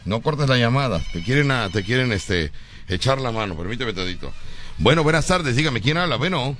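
A man's voice: mid-range voice, very animated, a little fast, fairly bright tone, soft background music. A man hosting a live radio comedy show, laughing and playful. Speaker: radio host.

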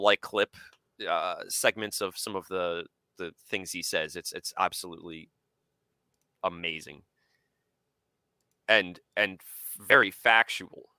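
A man co-hosting a casual podcast, talking in an excitable, rambling way and laughing often. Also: medium pitch, clear, resonant tone, dry recording. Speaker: podcast co-host. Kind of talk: casual chat.

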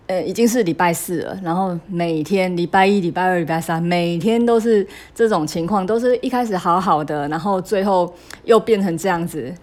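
A mother with a medium-pitched, darkish voice shares a personal parenting story. She sounds hesitant and confessional, emotional and laughing at times, with many fillers and restarts.

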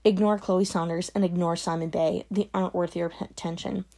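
A woman voicing a cold, controlling middle-aged mother in an audiobook, her words sharp and brittle. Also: fairly low pitch, level tone, brisk. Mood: low, menacing. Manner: sharp, brittle, dropping to a hiss. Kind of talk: audiobook character voice.

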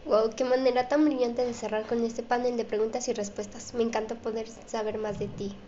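A woman hosts an interview show, presenting to viewers and reading out questions from the audience. Her mellow voice sits on the high side, steady in tone and a little fast. The room sounds dull and echoey, with faint noise.

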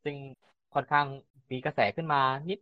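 A man co-hosting a casual film podcast, relaxed, often giving short backchannel replies. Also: a little high, moderate pace, no room sound. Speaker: podcast co-host. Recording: dull lo-fi recording.

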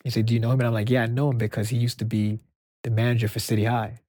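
A soft-spoken man from Brooklyn, a music executive guest, telling stories in an interview and acting out the dialogue. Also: medium pitch, racing, dry recording, studio quality. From Brooklyn, New York. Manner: animated storyteller acting out quoted dialogue. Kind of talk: storytelling interview answers.

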